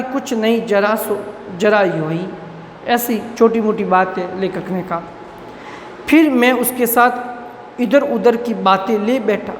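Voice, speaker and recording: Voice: medium pitch, echoey room, big-room sound, slight background noise. A college teacher who reads out a Hindi story line by line and then restates each line in plain words. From Rajasthan, India.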